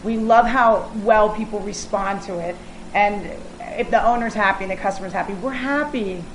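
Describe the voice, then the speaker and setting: An American woman talks in a chatty, promotional interview manner. She is effusive and emphatic, with a middling pitch. The room is echoey, with faint noise around her. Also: moderate pace. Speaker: culinary consultant and caterer being interviewed.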